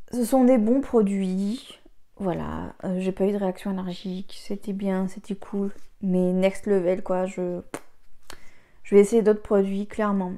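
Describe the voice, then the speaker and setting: A chatty woman from France reviewing products she has used up, talking straight to her viewer. Her voice is mellow and warm, with a middle pitch. She leans hard on the words she cares about and keeps dropping small fillers between thoughts. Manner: chatty and emphatic, filling pauses with "voilà". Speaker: beauty vlogger. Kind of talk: casual product review chat.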